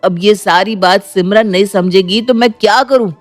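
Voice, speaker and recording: A man's voice: sits high, moderate pace, faint music behind, natural voice. A man voicing a defensive, exasperated young husband in a cartoon story. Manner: complaining, defensive.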